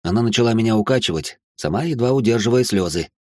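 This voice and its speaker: A man's voice: on the low side, lively intonation, fast, no echo, studio quality. A man narrating an audiobook in a wry, sardonic first-person voice. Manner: wry, sardonic inner monologue.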